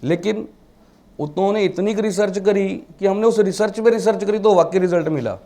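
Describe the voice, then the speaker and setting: Man, teacher, classroom lecture, mellow tone, rhetorical questions. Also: sits high, fairly quick. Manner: mixes English terms into Hindi, rhetorical questions. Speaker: vastu teacher.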